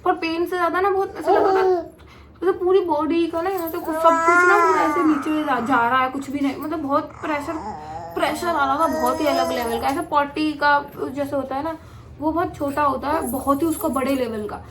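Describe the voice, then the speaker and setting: A woman's voice: sits high, fairly even intonation, moderate pace, background noise. A young woman telling a story in casual chat, acting out her own cries and other people's lines. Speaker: vlogger.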